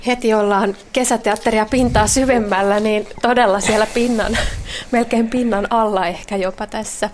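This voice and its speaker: A woman presenting the program, introducing and closing the segment briskly. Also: mid-range voice, fairly even intonation, slight background noise. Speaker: host.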